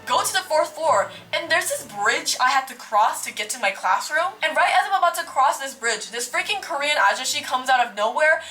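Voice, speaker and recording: A young woman spins a casual storytime in her vlog, dramatic and full of slang. Her voice sits fairly high and sounds bright. Faint music plays underneath. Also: lively intonation, fairly quick, few pauses. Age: young adult. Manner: dramatic, exaggerated, slangy and swearing. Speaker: vlogger.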